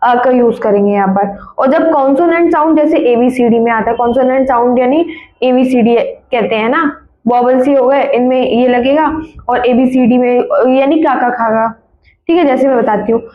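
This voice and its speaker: Woman teacher, high voice, repetitive quizzing style, echoey lo-fi room recording. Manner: repeats words and keeps asking students questions; corrects her own slips with quick apologies. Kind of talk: classroom grammar lesson. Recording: echoey room, dull lo-fi sound.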